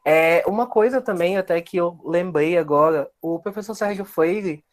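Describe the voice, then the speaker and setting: A man's voice: sits high, normal speed. A young man, a researcher guest explaining his work reflectively at length. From Amazonas, Brazil. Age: young adult. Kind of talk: casual interview.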